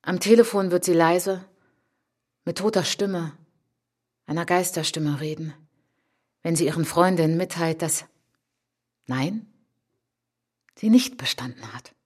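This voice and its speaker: Her voice fairly low, slightly mellow and husky, an actress performs a literary radio drama monologue as a proud, hurt young French woman telling her own story. The mood is bitter and subdued, the delivery intense and deliberate, at times dropping to a whisper.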